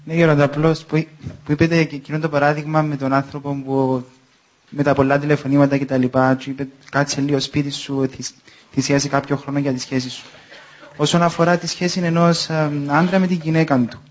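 A man politely asking the elder a long question, hesitating and restarting as he goes. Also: a little high. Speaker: questioner from the audience. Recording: dull lo-fi recording.

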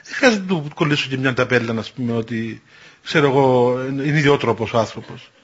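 An older man, an Orthodox elder and confessor, giving a spiritual talk that answers questions in a folksy, animated way and chuckling at his own stories. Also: mid-range voice, husky. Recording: dull lo-fi recording.

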